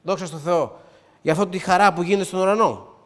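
A man's voice: high-pitched, big-room sound. A man preaching a sermon, opening with a prayer and then explaining scripture step by step in an earnest way.

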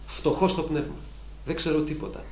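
A man's voice: on the high side, fairly even intonation, darkish tone, slight background noise. A man preaching a sermon, emphatic and repetitive, building to fervent peaks. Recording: echoey room with faint ambience.

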